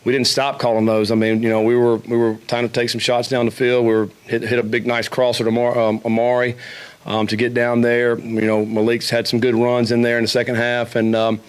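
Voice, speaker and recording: A man's voice: medium pitch, clear, resonant tone. A middle-aged man, a head football coach, answering questions at a post-game press conference, with frequent restarts and fillers. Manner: fast, even-toned, frequent restarts and fillers. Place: press conference room with a logo backdrop. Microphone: table microphone.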